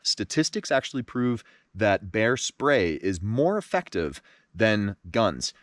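A man in his thirties filming a solo fishing vlog at a lakeshore at night, chatting to the camera with easy excitement. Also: on the low side, slow pace, no room sound, distant mic. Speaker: fishing vlogger. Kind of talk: casual solo outdoor vlog. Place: dark forest lakeshore at night, outdoors.

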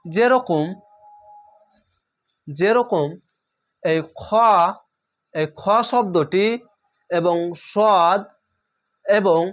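A man's voice: sits high, expressive, drawn-out words, pauses often. A man teaching a recorded beginner reading lesson, patiently repeating instructions and sounding out letters one at a time while checking in with his learners. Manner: speaks directly to learners with check-in questions.

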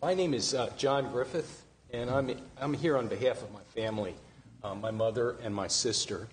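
A middle-aged man giving earnest public testimony at a county meeting, halting with fillers and restarts, speaking into a desk microphone. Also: mid-range voice, slight background noise.

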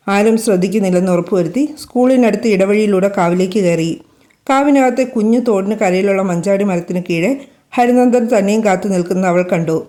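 A woman narrating a romantic story in slow, lyrical storytelling. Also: mid-range voice, dark tone.

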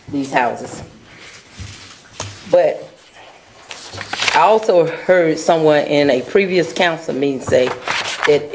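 A woman's voice: deep voice, darkish tone. Earnest woman at council dais. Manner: earnest, halting with restarts. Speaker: city council member. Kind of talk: council meeting remarks. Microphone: desk microphone.

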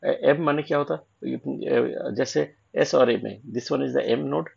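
A man's voice: medium pitch, steady tone, slow pace, gravelly, darkish tone, slightly rough. A man with an Indian accent working through an assignment as an online tutor, mixing English and Hindi and explaining step by step. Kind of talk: assignment walkthrough lecture. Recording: dull lo-fi recording.

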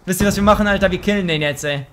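A young man commenting on a shooter game as he plays, slangy and swearing, with excitable outbursts. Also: sits high, racing, crowd noise. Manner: slangy, swears and trash-talks. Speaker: let's play host. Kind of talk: casual gameplay commentary.

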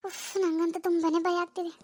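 Someone voicing a squeaky, timid village girl. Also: completely flat delivery, brisk, a little mellow, dry recording. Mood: nervous. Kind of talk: animated village drama.

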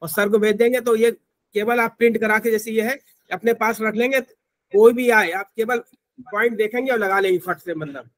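Guy teaching acupressure online, kinda high voice, stops and restarts a lot. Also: a bit bright. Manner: informal, halting explanations with many restarts. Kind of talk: online class lecture.

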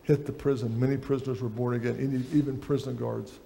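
A middle-aged man delivers a sermon from a lectern on a church stage. His voice is warm and mellow, at a middling pitch, and he reads long passages from a book between his own remarks. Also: level tone, a little fast, vocal fry, a little hiss or hum. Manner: preaching while reading aloud from a book. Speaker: preacher.

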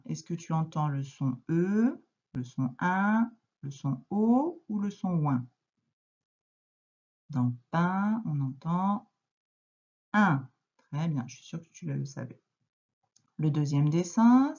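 A woman teacher with a French accent, gently guiding a young child through a phonics lesson, encouraging and repeating words slowly. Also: fairly low pitch, lo-fi sound. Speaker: primary school teacher.

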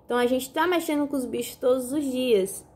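A woman's voice: sits high, a little fast, darkish tone, breathy edge. Chatty woman vlogging from the countryside. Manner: chatty, repeats herself, checks in with viewers. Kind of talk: casual vlog talk to viewers. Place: countryside home. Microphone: phone.

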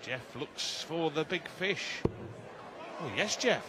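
A man's voice: fairly high pitch, expressive, takes it slowly, heavy background noise. A man giving live darts commentary. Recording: loud arena crowd and music behind. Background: loud crowd, music.

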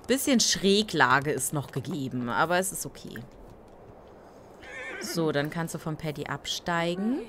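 Slow-talking tired woman streamer. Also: low-pitched, a little hiss or hum. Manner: chatty, greets chat viewers by name; slow, relaxed talk with playful asides. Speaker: streamer playing a life-sim game. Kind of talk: casual live-stream commentary.

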